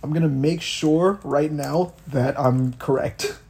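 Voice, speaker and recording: A man's voice: fairly high pitch, slow pace, a little mellow, slight background noise. A young man from Miami co-hosting a podcast, ranting about politics in casual, profane talk full of restarts. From Miami, Florida. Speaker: podcast co-host.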